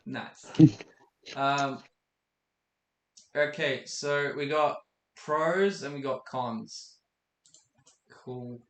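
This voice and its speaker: A man's voice: medium pitch, very slow, long pauses, a bit bright. A man hosting a casual live stream chat, laid-back and steering the discussion. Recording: echoey room with faint noise.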